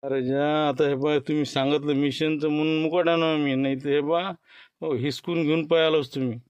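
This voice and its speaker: A man's voice: on the high side, little pitch movement, normal speed, darkish tone, clean tone, no echo, lightly acted. A man playing a grumbling Varhadi thief. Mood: haggling. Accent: Varhadi Marathi. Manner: grumbling, haggling. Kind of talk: village comedy sketch acting.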